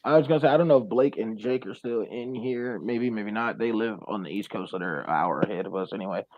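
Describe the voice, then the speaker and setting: A man's voice: fairly low pitch, fast. Loose, profane man in casual chat. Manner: loose, profane, animated storytelling. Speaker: podcast co-host. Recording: dull lo-fi sound.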